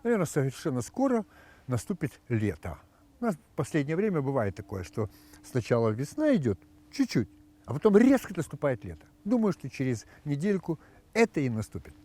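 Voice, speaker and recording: Guy w telling jokes, kinda high voice, super animated up and down. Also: a little fast. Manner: animated, expressive. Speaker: host of a joke channel. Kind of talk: casual joke telling to camera.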